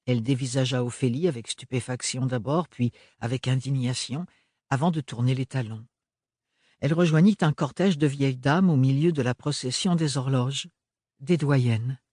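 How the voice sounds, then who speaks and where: A man's voice: medium pitch, normal speed, darkish tone, no room sound. Man narrating a novel, dry close sound. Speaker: audiobook narrator. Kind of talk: scripted narration.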